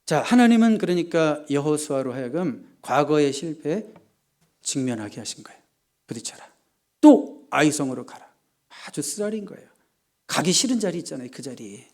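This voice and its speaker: A male pastor giving a lively, dramatic sermon with humor and acted-out quotes. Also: on the high side, a little fast.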